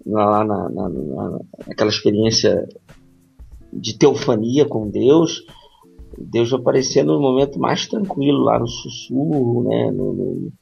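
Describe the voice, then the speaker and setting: A man's voice: mid-range voice, unhurried, gravelly, a little mellow, breathy edge, dull audio, faint music behind. A man co-hosting a podcast, talking reflectively about faith and often tagging his points with a questioning "right?". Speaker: podcast co-host. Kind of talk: casual discussion on faith.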